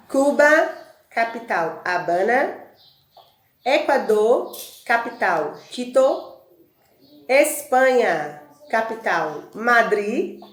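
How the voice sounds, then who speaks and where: A woman with a Brazilian Portuguese accent teaching a Spanish review lesson, drilling verb forms and lists slowly and checking in with rhetorical questions. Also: a little high, roomy sound. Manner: explains patiently, asks rhetorical check-ins. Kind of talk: recorded classroom review lesson.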